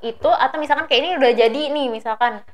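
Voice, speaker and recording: A woman's voice: sits high, fast. A woman chatting in playful, casual banter as a host, teasing and repeating words.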